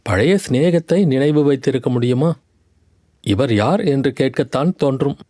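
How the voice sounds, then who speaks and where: A man's voice: mid-range voice, moderate pace, warm tone, no room sound, studio quality, lightly acted. A man playing a proud young warrior prince who talks with a teasing, pleading manner, in an audiobook reading. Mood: mocking. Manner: mocking, then pleading.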